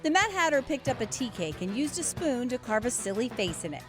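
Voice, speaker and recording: A woman news anchor narrating a children's story aloud in an expressive read-aloud manner. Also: a little high, a little fast, over music.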